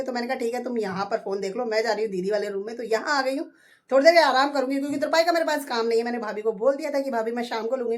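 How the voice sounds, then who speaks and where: A hoarse woman in her thirties chatting through a home vlog, describing her chores step by step. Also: on the high side. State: hoarse, voice going. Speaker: vlogger. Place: at home, indoors.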